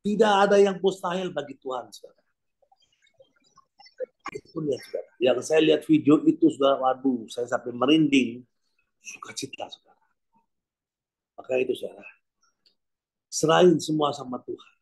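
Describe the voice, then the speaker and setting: A man's voice: medium pitch, moderate pace, pauses often, darkish tone, slightly rough, low-quality recording. A man preaching an evangelistic sermon over a video call, telling a story and closing in prayer, repeatedly addressing listeners as brothers and sisters.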